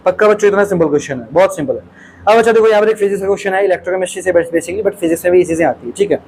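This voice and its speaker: In a lecture, a male teacher works through exam questions aloud, repeatedly calling his students "beta," asking them questions and repeating their answers. His voice sits high with a darkish tone and races along. The recording is rough, with slight background noise.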